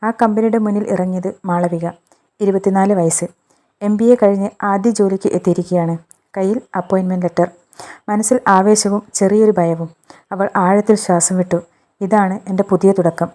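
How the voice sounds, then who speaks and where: A woman narrates a scripted romance in a steady, measured way. Her voice is mellow and soft-edged, sitting at an ordinary pitch for a woman. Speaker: storyteller.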